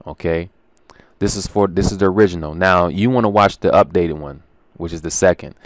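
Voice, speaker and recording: In a casual screen-share, a man shows viewers his language course materials, speaking a little fast in a voice that sits low. He's chatty and informal, with plenty of ums and restarts. There's no room sound.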